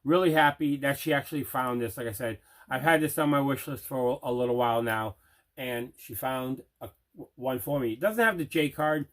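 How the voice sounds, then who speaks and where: In a relaxed unboxing video about collectibles, the male host talks to the camera in an eager way, leaning on repeated words to stress his points. His voice sits in the mid range, with a fairly bright tone, and he speaks at a normal pace.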